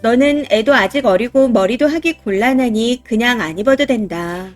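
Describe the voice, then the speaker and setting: A woman's voice: a little high, normal speed, soft background music, close to an everyday voice. A woman voicing a blunt, dismissive older mother-in-law who talks in plain, matter-of-fact commands. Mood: brusque.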